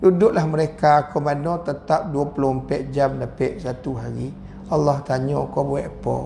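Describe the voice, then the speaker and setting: Animated gravelly Malaysian preacher. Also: male voice, medium pitch, normal speed, background noise. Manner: animated, jokey, acts out voices. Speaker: religious teacher. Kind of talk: mosque lecture.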